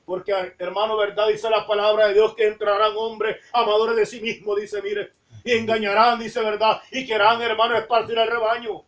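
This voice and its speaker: A woman preaching a sermon in a church, fervent, tagging nearly every phrase with a call to the congregation and rising to shouts at the high points. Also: flat delivery, moderate pace, echoey room, far from the mic. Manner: fervent, repeats "hermano, ¿verdad?" after nearly every phrase; rises to shouting at emphatic points.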